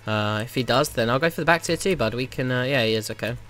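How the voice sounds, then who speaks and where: A man's voice: mid-range voice, fast talker, a bit bright. A man giving casual, rambling commentary over a video game, with a slight cold and a sniffly morning voice. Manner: rambling, chatty, self-correcting. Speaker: gaming YouTuber.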